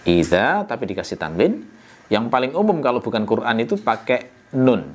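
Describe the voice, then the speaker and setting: A man teaching the meaning of a scripture passage in a relaxed, conversational way. He poses rhetorical questions and answers them himself. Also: medium pitch, moderate pace. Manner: conversational, frequent "ya" and "nah" fillers. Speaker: Quran exegesis teacher. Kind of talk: explanatory religious lecture.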